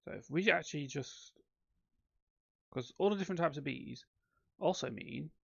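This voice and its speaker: A man's voice: fairly high pitch, normal speed, gravelly, husky, no room sound, dull audio. A man giving casual, rambling commentary on his own gameplay, with frequent ums and self-corrections. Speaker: let's play host.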